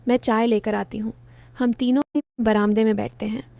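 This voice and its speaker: A woman narrating a first-person romantic story in short, gentle sentences. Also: on the high side, steady tone, normal speed, gravelly, no echo.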